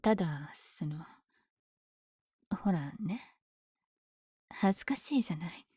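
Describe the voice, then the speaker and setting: Villainess for ASMR audio drama, female actor: dark velvety tone, cocky, smitten with her rival, teasing delivery, dry intimate sound. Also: mid-range voice, moderate pace, no room sound, lightly acted. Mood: bashful, confiding. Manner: teasing, breathy asides. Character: powerful flirtatious villain lady, smitten with her hero rival.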